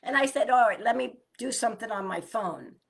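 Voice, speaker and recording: A woman's voice: a little high, brisk, vocal fry, breathy edge. A woman co-hosting a casual morning chat show, talking in a chatty, loose way and laughing often.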